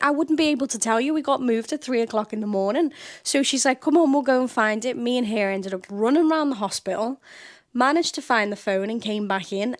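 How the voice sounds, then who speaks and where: Woman, young adult, slightly high voice, chatty vlog storytelling. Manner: chatty, quick asides and jokes. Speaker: vlogger, new parent. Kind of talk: casual storytelling.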